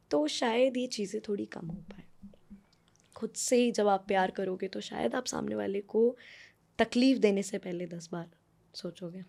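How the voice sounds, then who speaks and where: एक महिला लेखिका, भारतीय लहजे में, इंटरव्यू में जोश और गंभीरता से अपनी बात रखती है, बीच-बीच में अंग्रेज़ी शब्द मिलाती है।. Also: female voice, mid-range voice. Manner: earnest, animated, mixes English words into Hindi. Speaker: guest, author. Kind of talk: conversational interview answers.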